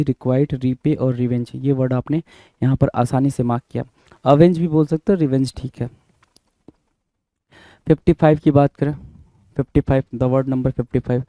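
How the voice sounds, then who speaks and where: Man teaching vocabulary, dark voice. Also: mid-range voice, no room sound. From India. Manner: repeats words, spells them out letter by letter; asks the class questions and answers them himself. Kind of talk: bilingual classroom explanation.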